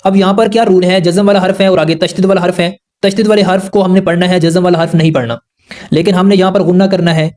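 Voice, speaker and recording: A man teaching Quran recitation rules in a patient lesson, explaining each rule slowly and simply and repeating it so beginners can follow. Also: high voice, a little mellow.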